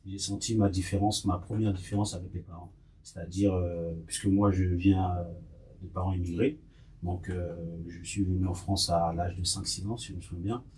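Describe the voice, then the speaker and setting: A man's voice: low-pitched, little pitch movement, moderate pace, darkish tone, a little hiss or hum. A man in his thirties from Côte d'Ivoire, a podcast guest, speaking reflectively and repeating himself. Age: 30s. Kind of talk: conversational testimony.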